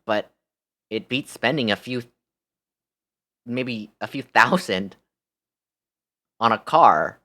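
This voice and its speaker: A young American man livestreams casual chat, ranting in an animated, exasperated way and swearing freely. His mid-range voice moves slowly, with frequent pauses.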